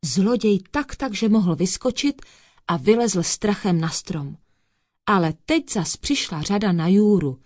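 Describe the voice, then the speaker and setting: A woman's voice: medium pitch, lively intonation, darkish tone, no echo, studio quality. A woman reading a fairy tale aloud, speaking to her listeners as children. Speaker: storyteller.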